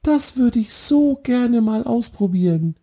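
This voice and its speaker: A man voicing a dreamy, gentle young male deer in a children's story, in a high, soft and wistful voice. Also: animated, measured pace, breathy edge, full character voice.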